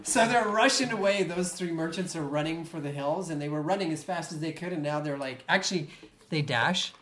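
A game master narrating a tabletop game in a relaxed, chatty way with many fillers. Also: medium pitch, fairly quick. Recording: noisy home recording.

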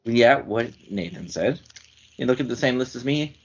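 A man's voice: medium pitch, lively intonation, moderate pace, breathy edge, dull audio. A man hosting a casual chat, leading his friends through a list of categories, his voice getting worn. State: losing his voice. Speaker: podcast host.

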